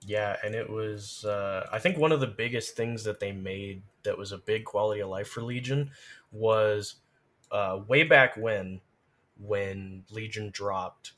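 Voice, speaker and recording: A man appears as a podcast guest, an expert on game lore and gameplay, casually explaining things in detail like someone who knows the subject well. His voice is lowish, a bit bright, and a little slow.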